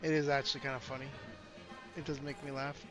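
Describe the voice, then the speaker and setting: A man's voice: mid-range voice, little pitch movement, brisk. A man streaming a strategy game, chatting casually and playfully teasing his girlfriend between moves. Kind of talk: casual livestream chat while gaming. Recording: slightly dull sound with faint music behind.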